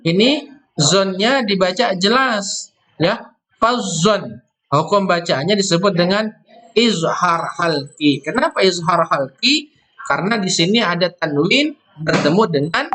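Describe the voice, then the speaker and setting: Man, high voice, recitation lesson, slow chanted examples. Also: sharp tone. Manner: explains step by step, often ending with "ya"; chants the verse words slowly before explaining. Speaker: teacher. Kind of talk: Quran recitation rules lesson.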